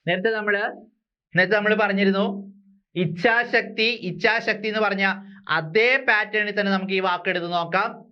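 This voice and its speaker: A man from Kerala teaching an exam-prep language lesson, repeating words slowly and asking his listeners rhetorical questions. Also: high voice, steady tone, pushed and bright, dull audio. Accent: Malayali.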